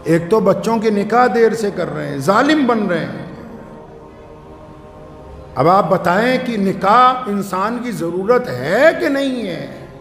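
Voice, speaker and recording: A man preaching an emotional sermon with a Punjabi-inflected Urdu accent, impassioned and rising to shouts of rebuke. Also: high voice, expressive, slow, creaky, faint music behind. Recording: echoey hall reverb.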